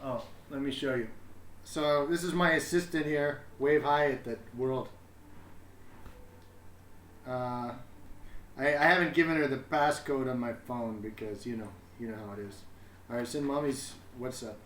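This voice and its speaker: A man hosting a livestream storybook reading as a parent chats casually during setup, hesitant and thinking aloud. His medium-pitched, a bit bright voice moves at a moderate pace with long pauses, in an echoey room with background noise.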